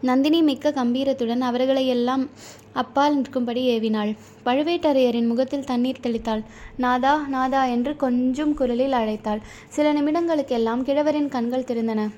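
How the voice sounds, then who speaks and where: A woman narrating a storybook in a steady, measured reading. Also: high-pitched. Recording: dull lo-fi recording.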